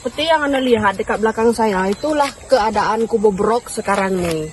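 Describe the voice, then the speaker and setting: A woman's voice: fairly high pitch, brisk. A woman in her twenties answering interview questions outdoors, hesitant and searching for words. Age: 20s. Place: outdoors by an old fort. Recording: noisy outdoor recording.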